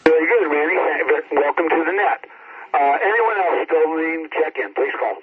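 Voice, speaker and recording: A man's voice: fairly high pitch, normal speed. Man on a static radio net. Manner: procedural, calls for check-ins and reads back call signs. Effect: heard over a static-laden radio channel. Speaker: net control operator. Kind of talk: amateur radio net check-ins. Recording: tinny radio transmission with crowd noise.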